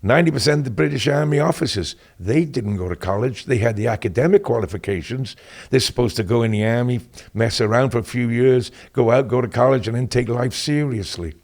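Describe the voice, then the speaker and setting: A man's voice: mid-range voice, brisk, a little mellow. An older Welsh man from Wales, a military veteran guest telling anecdotes in an interview and acting out the voices he quotes. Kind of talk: casual interview storytelling.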